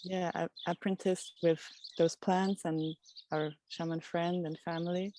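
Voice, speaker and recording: A woman from Switzerland, a podcast guest speaking outdoors in a reflective, halting way. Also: fairly low pitch, flat delivery, slight background noise. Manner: soft, reflective, halting with restarts. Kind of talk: casual interview chat. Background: birdsong.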